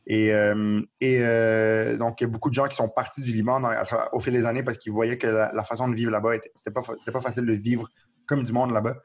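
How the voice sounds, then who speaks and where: A man with a Quebec French accent talks through current events at a quick clip, earnest and explanatory, often stumbling and restarting. His pitch stays mostly level and even. It comes across as casual podcast talk. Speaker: podcast co-host. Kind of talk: casual current-affairs discussion.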